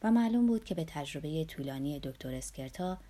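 A woman narrating a novel as an audiobook, in a steady, even storytelling manner. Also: low voice.

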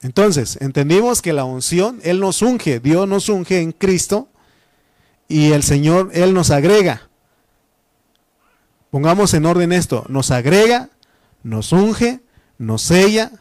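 A man's voice: high-pitched, animated, takes it slowly, pauses often, darkish tone, dry recording. A Mexican man preaching a Bible study sermon in a teaching manner, repeating phrases and using frequent fillers. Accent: Mexican Spanish.

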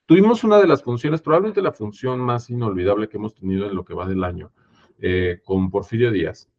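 A man with a Mexican accent, a theater producer in a casual interview, telling stories lively with many fillers and tag questions. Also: lowish voice. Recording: dull lo-fi audio.

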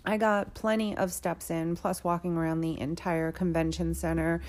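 Woman, podcast host, lowish pitch, casual monologue, conversational, informal personal check-in. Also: little pitch movement, normal speed, darkish tone.

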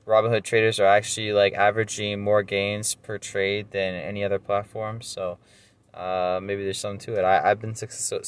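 A man's voice: on the low side, a bit bright, smooth, no room sound. A young man in his twenties with a noticeably nasal voice, talking alone into a home mic. He rambles casually, pads his talk with fillers and pokes fun at himself. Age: 20s. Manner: rambling, self-deprecating, full of fillers. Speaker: podcast host. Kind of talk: casual solo monologue.

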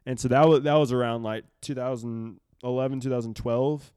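A young man in his twenties co-hosting a podcast, relaxed and casual, often trailing off. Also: medium pitch, a little fast, clear, resonant tone, dry recording, studio quality. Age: 20s. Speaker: podcast co-host. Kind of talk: casual chat.

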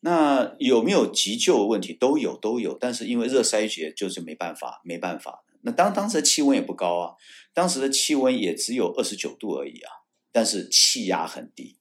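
A man's voice: lowish voice, fairly quick. A man from Taiwan, a former military judge advocate, tells a story in a casual interview. He acts out the dialogue he quotes, often restarts his words and repeats them. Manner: animated storyteller who acts out quoted dialogue, shouting the angry lines.

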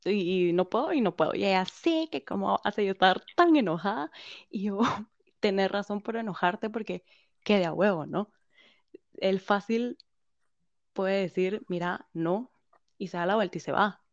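Woman, interview guest, animated storyteller who quotes others; dry, slightly muffled recording. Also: medium pitch, unhurried, gravelly, pauses often, no room sound. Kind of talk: personal story in conversation.

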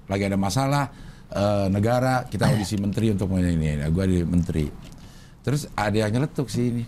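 A man with a Jakarta accent co-hosting a casual chat, telling animated stories and answering with quick agreeing backchannels. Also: on the low side, a little hiss or hum. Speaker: podcast co-host.

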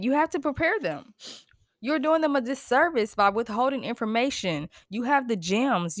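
A woman's voice: mid-range voice, a bit bright, no echo, clean studio sound. A young American woman hosting a solo podcast, talking casually but emphatically, with a stuffy, congested voice and frequent laughs. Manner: emphatic, preachy, laughs often. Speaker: podcast host.

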